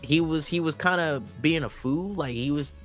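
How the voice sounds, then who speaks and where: A man's voice: a little high, moderate pace, fairly bright tone, faint music behind. A man co-hosting an anime podcast, talking in a loose, rambling way with lots of restarts and fillers. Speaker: podcast co-host. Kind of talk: casual chat.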